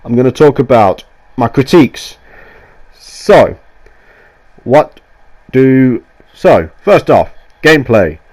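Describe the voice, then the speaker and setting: This man's mid-range, darkish voice is very animated, yet he takes it slowly, leaving long pauses. He's a gaming YouTuber with a cold, nasal and coughing now and then, rambling through a casual game review voiceover on a voiceover mic. Sweary and enthusiastic, he restarts often.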